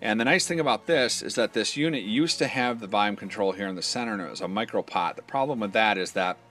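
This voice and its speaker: Talking fast in a low, forceful voice, a man gives a casual, hands-on product walkthrough over background music. He explains each part step by step in a practical, informal way.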